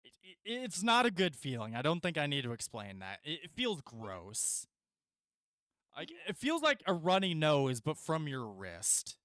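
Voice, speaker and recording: A man's voice: fairly high pitch, wildly swooping pitch, a little slow, a bit bright, no echo, studio quality. A man narrating a tabletop game as game master, chatty, with frequent laughs and fillers.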